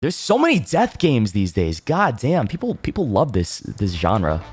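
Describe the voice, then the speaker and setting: A man doing casual game commentary as a streamer, reacting haltingly and repeating his phrases. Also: mid-range voice, wildly swooping pitch, faint music behind.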